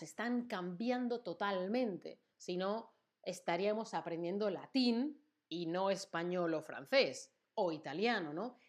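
A woman's voice: medium pitch, a little mellow. A woman from Spain with a Spain Spanish accent, teaching Spanish on a live stream in a chatty way, reading chat messages aloud and often checking in with the viewers. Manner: chatty, reads chat aloud, tag questions. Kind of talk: live-streamed language lesson.

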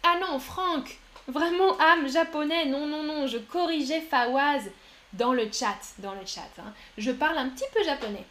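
A woman with a high voice teaches French on a live stream. She reads out viewers' answers from the chat one after another and praises each of them. Her delivery is encouraging and upbeat. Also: a little slow, a bit bright. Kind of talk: live-streamed language lesson.

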